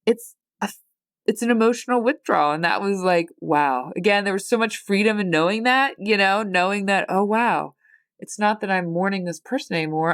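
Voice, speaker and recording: A woman in her thirties hosting a solo podcast, talking in a rambling, heartfelt, confessional way full of fillers and restarts. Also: mid-range voice. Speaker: podcast host.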